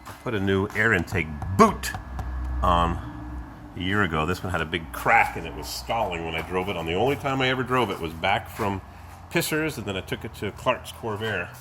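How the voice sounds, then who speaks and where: A man's voice: low-pitched, animated, brisk, pushed and bright. A man narrating a casual vlog in an offhand, rambling way, in short phrases with asides. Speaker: car owner giving a tour of his vehicles. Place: vehicle warehouse. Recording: noisy, car engine idling in warehouse. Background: idling car engine.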